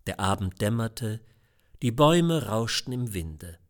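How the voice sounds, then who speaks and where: A man reading a satirical story aloud in an expressive, deliberate, ironic manner. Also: on the low side. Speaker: reader.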